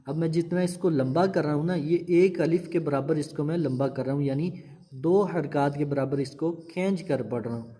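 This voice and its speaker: A man's voice: fairly high pitch, mellow. Patient man teaching Quran syllables. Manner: patient, repeats rules and drawn-out syllables. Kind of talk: slow instructional recitation lesson.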